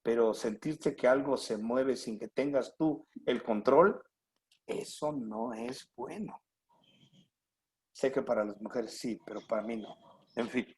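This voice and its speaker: A man's voice: medium pitch, unhurried. A middle-aged man with a Mexican Spanish accent preaching a sermon, full of rhetorical questions and acted-out voices. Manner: animated, acts out quoted voices with rhetorical questions. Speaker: pastor.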